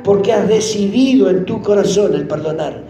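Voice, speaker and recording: A man's voice: sits high, normal speed, dark tone. A man preaching a fervent, pleading sermon, praying aloud as he speaks. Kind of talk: emotional sermon prayer. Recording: roomy echo with faint music.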